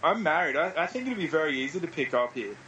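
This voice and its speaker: A man's voice: on the high side, very animated, quick pace, sharp tone, a little hiss or hum, low-quality recording. A man in his thirties with an Australian accent, telling rambling anecdotes in casual chat and swearing freely. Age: 30s.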